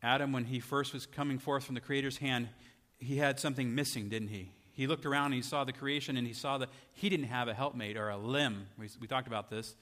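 A man's voice: mid-range voice, steady tone, a little fast, few pauses, fairly bright tone. A man preaching a sermon in a conversational way, often asking his listeners rhetorical questions. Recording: long hall reverb.

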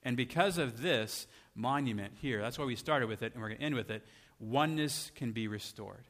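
A man's voice: medium pitch, fairly quick, fairly bright tone. A man preaching a sermon in a conversational way, often asking his listeners rhetorical questions. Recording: long hall reverb.

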